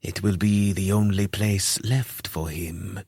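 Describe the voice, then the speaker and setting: A man voicing a short, robed, fanatical priest who speaks with a lisp in a hushed, whispery way. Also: deep voice, takes it slowly, husky, dry recording, exaggerated voice. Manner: hushed, whispery, distant delivery.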